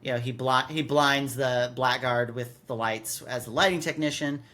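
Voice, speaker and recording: A man with a mid-range, steady voice and a sharp tone talks at a moderate pace, co-hosting a podcast in person alongside his partner. In casual chat he recaps and critiques a radio drama, repeating words a lot and drifting into rambling, exasperated asides.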